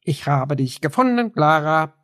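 A man voicing a hoarse, lonely young man with a rasping, gull-like diction in an audiobook. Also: a little high, expressive, unhurried, fairly bright tone, no echo, clean studio sound, voice pushed up. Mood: eager.

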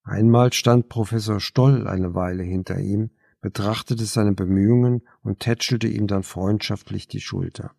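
A man reading a novel aloud as narrator, measured and even. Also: fairly low pitch, vocal fry, no echo, studio quality. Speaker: audiobook narrator. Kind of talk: scripted narration.

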